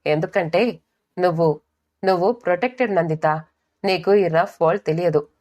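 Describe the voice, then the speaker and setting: A woman's voice: on the low side, normal speed, dark tone, close to an everyday voice. A woman voicing an impatient young husband who talks down to his wife in an audiobook story. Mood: condescending. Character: dismissive young husband, condescending.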